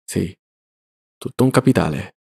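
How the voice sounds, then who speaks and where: Brooding young student, done by a male reader, curt, low voice. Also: lively intonation, a little slow, gravelly, darkish tone, breathy edge, full character voice. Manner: curt, reluctant replies.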